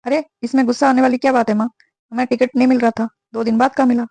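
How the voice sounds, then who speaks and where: A woman voicing a young adult son in a cartoon, speaking quickly and impatiently. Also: a little high, flat delivery, gravelly, darkish tone, no echo. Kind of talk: cartoon voice acting.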